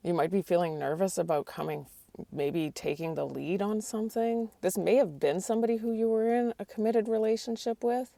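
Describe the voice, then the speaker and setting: This tarot reader has a gravelly, dark, medium-pitched voice that is fading, and she talks a little fast with fairly even intonation. She is hesitant, restarts often and asks the cards things aloud, recorded dry.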